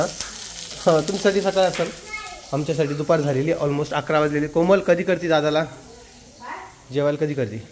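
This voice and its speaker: A man's voice: fairly high pitch, a little hiss or hum. A man in his thirties from Pune, chatting casually to viewers and family as a family vlogger. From Pune, India. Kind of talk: casual vlog chat.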